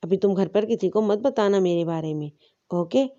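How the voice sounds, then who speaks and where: A woman voicing a caring young man speaking gently to his younger sister. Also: mid-range voice, dull audio, close to an everyday voice. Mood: tender. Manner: tender, affectionate.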